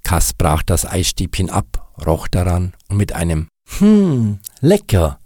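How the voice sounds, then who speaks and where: A man narrating a storybook in a calm, even storytelling manner. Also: deep voice, unhurried, husky, no room sound, clean studio sound.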